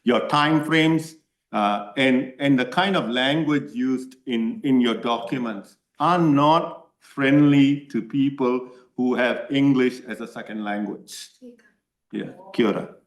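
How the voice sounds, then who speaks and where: A Malaysian man whose first language is Tamil answers a parliamentary committee's questions as a submitter, speaking slowly in a mid-range voice. He is earnest and keeps asking "right?", and the room is echoey.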